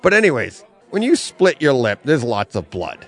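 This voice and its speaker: A middle-aged man co-hosting a casual podcast from a comic bookstore, telling an animated story and laughing often. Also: medium pitch, moderate pace. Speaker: podcast co-host.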